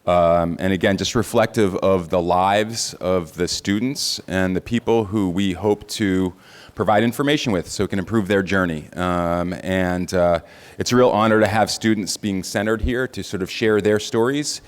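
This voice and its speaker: A man, a professor, moderating a summit and introducing speakers, polite and halting, with many ums and uhs. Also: sits low, big-room sound. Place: lecture hall at a summit.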